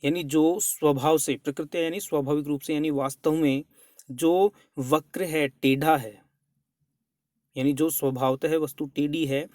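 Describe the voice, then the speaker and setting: A man, a college lecturer, explaining a classical play in a lecture, reciting verse lines slowly and then explaining them. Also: on the high side, steady tone, darkish tone, no room sound, studio quality.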